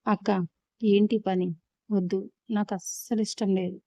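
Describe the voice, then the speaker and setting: A woman's voice: medium pitch, flat delivery, a little slow, warm tone, dry recording, natural voice. A woman playing a protesting young brother. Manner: protesting, earnest.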